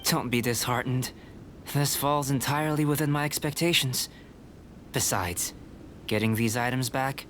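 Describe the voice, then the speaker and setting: In a video game, a man voices a calm, courteous alchemist researcher. His mid-range voice sounds close to an everyday speaking voice, and his delivery is measured, formal and articulate.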